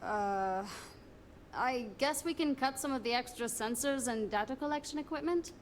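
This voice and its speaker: Practical, higher-voiced woman teammate acted for a game. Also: moderate pace, a little hiss or hum, natural voice. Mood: conceding. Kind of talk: scripted game dialogue.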